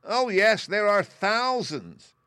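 A tiny mouse queen speaks in a squeaky, very high voice, as a man puts her on. She is proud and regal and quick to take offence, in a storybook reading. The sound is dry and close. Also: sing-song, bright, forceful tone, clean tone, no echo, full character voice. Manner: indignant, regal, easily alarmed.

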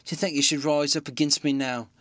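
A man reading aloud voices a superstitious middle-aged country landlady, shrill and agitated in rustic speech. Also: fairly even intonation, unhurried, fairly bright tone, no echo. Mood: indignant.

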